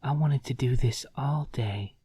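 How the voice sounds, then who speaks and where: A man's voice: mid-range voice, unhurried, warm tone, slightly rough, dry recording, clean studio sound, distant mic, pitched above the performer's own voice. A man voicing a small, playful, eerie little girl in a horror story, sweet in manner. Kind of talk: acted dialogue in horror story narration. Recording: music behind the voice.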